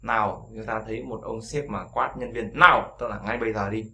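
A man's voice: lowish voice, fairly even intonation, moderate pace, vocal fry, sharp tone. A man teaching English pronunciation in a casual tutorial, repeating each sound over and over with frequent fillers.

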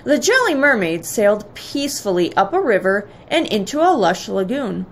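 A woman teacher reading a picture book aloud to children in an expressive, measured way. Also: mid-range voice, slight background noise.

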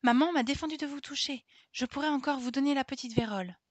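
A woman voicing a lively, caring little girl in an audiobook, with a high, excited way of calling out. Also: fast talker, dry recording, dull audio, close to an everyday voice. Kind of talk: audiobook character reading.

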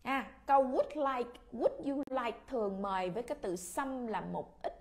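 A woman's voice: fairly high pitch, moderate pace. A woman with a Vietnamese accent teaching a children's English lesson, patiently repeating words for her pupils to read along.

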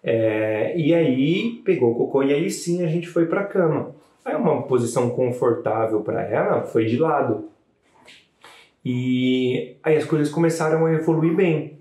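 Mellow-voiced man recounting a birth, casual and animated, roomy echo on the mic. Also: mid-range voice, unhurried. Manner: chatty, animated retelling with frequent "né" tags. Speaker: new father telling his partner's birth story. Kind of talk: casual storytelling to camera.

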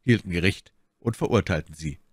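A man voicing a bold young male musketeer in an audiobook, speaking with a steady, respectful composure. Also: deep voice, fairly quick, no room sound, studio quality. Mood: calm, defiant. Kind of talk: audiobook character voice.

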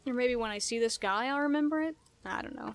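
Over game music, a young woman hosting a let's play talks quickly and casually, playful and chatty with giggly asides. Her pitch is on the high side, and there's a little hiss or hum.

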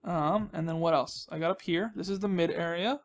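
This gaming host's voice is fairly high and his pace fairly quick as he rambles through casual, silly, playful commentary, frequently saying the same words and phrases again.

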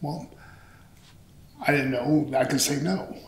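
Taking it slowly in a slightly high voice, a middle-aged pro wrestler being interviewed tells animated, candid, profane stories and acts out pieces of dialogue. The setting is a small indoor set with a couch, and the recording has a roomy echo.

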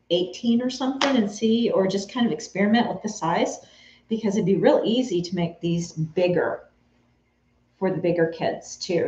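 This chatty Texas woman has a warm, medium-pitched voice and answers her live-stream viewers by name while her hands stay busy sewing. As a craft vlogger, she keeps the talk casual in her roomy home sewing room indoors. A camera on a tripod a few feet away gives the recording a roomy, slightly dull quality.

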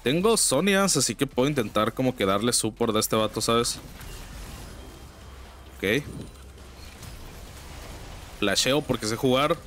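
A young man with a Mexican accent gives casual, slang-filled commentary over his own gameplay, breaking into sudden high exclamations and griping about teammates. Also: animated, unhurried, pauses often, a bit bright, a little hiss or hum. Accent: Mexican Spanish. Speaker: gaming streamer.

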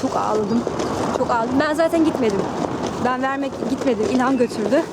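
A woman's voice: sits high, brisk. A young woman vlogging casually as she walks home outdoors, chatting in a personal way with lots of fillers, filmed on a handheld camera. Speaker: family vlogger. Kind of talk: casual vlog chat to camera. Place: outdoors on a busy city street, walking home. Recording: loud street traffic noise.

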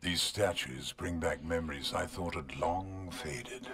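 Deep, world-weary veteran soldier. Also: male voice, measured pace, bright, forceful tone, husky, full character voice. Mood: weary, scornful. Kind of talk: dramatic video game acting.

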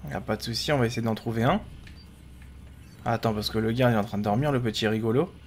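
A man's voice: mid-range voice, quick pace, a little hiss or hum. A man hosting a gaming video with casual, chatty commentary, often talking to himself.

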